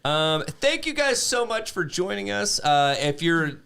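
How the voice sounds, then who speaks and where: Lively, bright-voiced male podcast host. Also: high-pitched, unhurried, vocal fry, smooth. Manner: goofy and joking, energetic intro. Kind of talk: casual live podcast chat.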